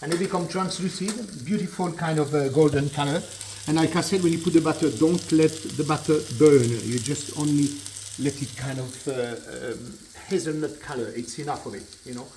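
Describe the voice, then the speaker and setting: French-accented chef demonstrating a dish. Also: male voice, a little high, normal speed, a little hiss or hum. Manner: chatty, repeats words, relaxed explaining. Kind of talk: cooking demonstration. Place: kitchen at the stove. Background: sizzling frying pan.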